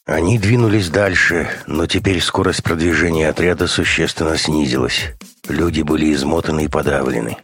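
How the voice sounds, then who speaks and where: A man narrating an audiobook in steady, measured scripted narration. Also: very deep voice, soft background music.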